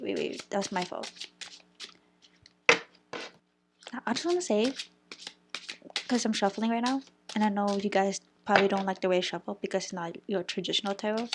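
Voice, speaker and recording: A woman's voice: mid-range voice, creaky, background noise. A young woman giving a casual tarot reading, chatting as she shuffles, thinking aloud and sometimes dropping to a whisper. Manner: chatty, thinks aloud, stumbles over crystal names, some whispered words. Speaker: tarot reader.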